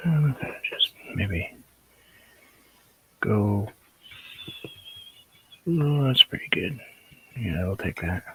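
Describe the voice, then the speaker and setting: A man's voice: on the low side, big pitch swings, drawn-out words, long pauses, bright, forceful tone, breathy edge, rough recording. A man talking casually while he paints on a live stream, thinking aloud and sometimes muttering under his breath.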